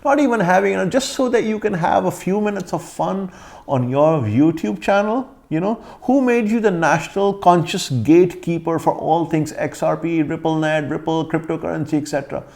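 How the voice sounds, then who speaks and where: A man's voice: fairly high pitch, normal speed, gravelly, darkish tone. A man with an accent giving an indignant rebuttal vlog, confronting his critic directly. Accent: foreign accent. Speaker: vlogger.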